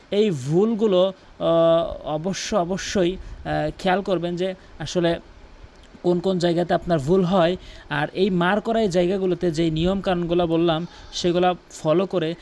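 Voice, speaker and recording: A man teaching Quran recitation, repeating each word slowly to correct pronunciation and chanting verses between explanations. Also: high-pitched, a little mellow. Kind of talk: tajweed pronunciation lesson.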